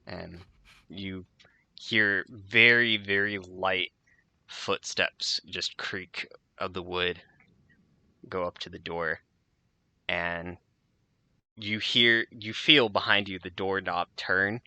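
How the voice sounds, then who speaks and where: A man narrating a tabletop game as game master, halting with many fillers. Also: sits low, fairly even intonation, pushed and bright, no room sound.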